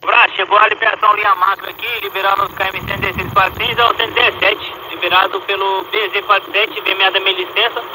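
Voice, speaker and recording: A Brazilian man with a high voice talks quickly over a two-way radio. He gives walkie-talkie read-backs in railway procedure, with clear noise on the transmission. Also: level tone.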